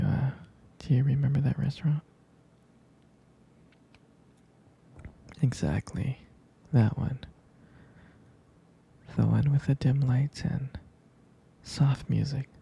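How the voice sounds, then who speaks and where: A man plays an obsessive young captor who keeps his lover locked away, speaking in a breathy whisper that is sweet on the surface and menacing underneath. His dark, gravelly, husky voice drags slowly through every line, heavy with vocal fry. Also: medium pitch, exaggerated voice. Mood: fondly reminiscing. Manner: soft, coaxing, menacingly sweet. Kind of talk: whispered ASMR roleplay.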